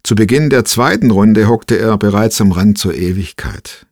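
A man's voice: fairly low pitch, moderate pace, a little mellow, no room sound, studio quality. A man giving a scripted devotional reflection, thoughtful and full of rhetorical questions. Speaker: preacher giving a devotional talk.

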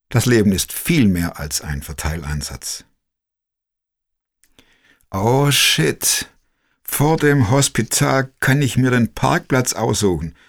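Slow husky male storyteller. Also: on the low side. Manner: slow, reflective, quiet. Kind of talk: first-person story narration.

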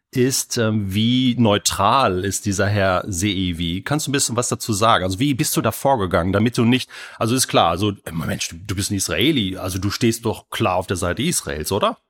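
A man hosting an interview podcast, introducing his guest and asking questions in a measured way. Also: on the low side, fairly bright tone. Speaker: podcast host.

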